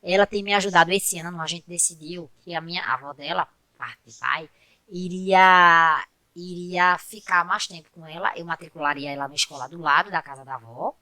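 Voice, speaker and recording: A woman's voice: fairly low pitch, moderate pace, sharp tone. A woman, a podcast guest telling heartfelt personal stories in a casual chat and often turning to speak to the listeners. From Pernambuco, Brazil.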